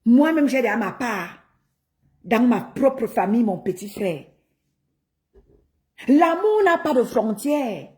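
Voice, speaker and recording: A woman with a Cameroonian French accent hosts a casual live stream in a high, bright-pitched voice. She talks in an animated, teasing way, laughing often and calling out to her viewers by name. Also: takes it slowly, long pauses.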